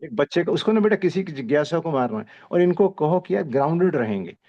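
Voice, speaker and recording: A man's voice: fairly high pitch, lively intonation. An older man, a senior teacher, giving fatherly, patient feedback to a younger colleague, checking often that she follows. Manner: fatherly, calls the presenter "beta", explains slowly with rhetorical checks. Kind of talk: mixed Hindi-English teaching talk. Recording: muffled video-call audio.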